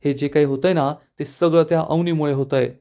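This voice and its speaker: A man's voice: a little high, steady tone, brisk, warm tone, lightly acted. Brief: pleading panicked young man on the run, voiced by a man. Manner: pleading, frantic.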